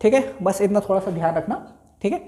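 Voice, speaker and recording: A male maths teacher with a lively, rising and falling voice, working through a lesson at the board. He says each key term twice, slowly, quizzing his students with the answer. The sound is roomy with a clear echo. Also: high voice. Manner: repeats key terms slowly, quizzing himself aloud.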